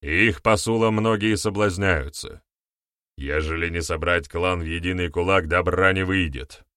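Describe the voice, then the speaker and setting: A man's voice: sits low, normal speed, no echo, studio quality. A man voicing a stern, barking warrior-chief. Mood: grave. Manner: forceful, emphatic, barking orders. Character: stern young male warrior-chief, commanding. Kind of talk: audiobook character voice.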